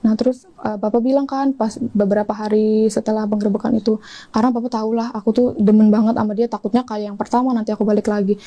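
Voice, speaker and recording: Fast, mellow-voiced woman. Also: mid-range voice, level tone, dull audio. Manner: acts out quoted dialogue, rising and pleading. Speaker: interview guest. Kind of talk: emotional personal account in an interview.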